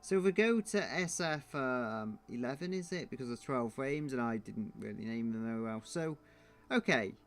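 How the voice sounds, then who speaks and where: A man's voice: mid-range voice, animated, moderate pace, soft background music. A man streaming his drawing, thinking aloud in a muttering, self-deprecating way.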